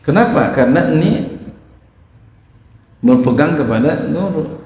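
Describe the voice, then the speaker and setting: Male preacher, gravelly voice, teaching line by line, big echoing hall. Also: fairly high pitch, lively intonation, a little slow, darkish tone, muffled recording. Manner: explains Arabic text phrase by phrase, asks the audience questions. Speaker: Islamic teacher. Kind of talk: sermon. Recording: echoey hall.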